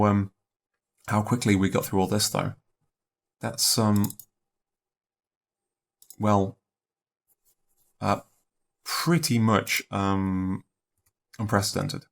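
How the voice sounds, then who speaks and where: Man, young adult, deep-ish voice, rough vocal fry, mumbled guesses, thinking-aloud commentary. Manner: musing, unhurried, trailing off in half-spoken guesses. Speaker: let's play host.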